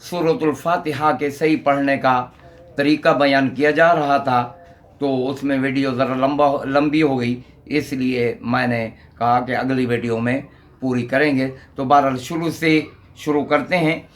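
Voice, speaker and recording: A man teaching Quran recitation in a methodical lesson, pausing to sound out syllables slowly. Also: medium pitch, fairly even intonation.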